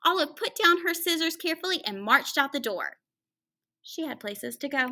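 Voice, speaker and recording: Reading a picture book aloud to children, a teacher uses a high, bright voice with very lively pitch. She heightens the drama with pauses and slips into hushed, chatty asides for her young listeners.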